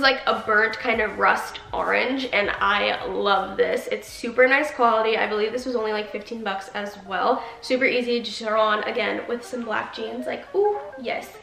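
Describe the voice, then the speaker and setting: A woman's voice: on the high side, creaky, a bit bright. A young woman chatting casually and gushingly to camera as a fashion vlogger, recorded in an echoey empty apartment room. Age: young adult. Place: small unfurnished carpeted room, indoors.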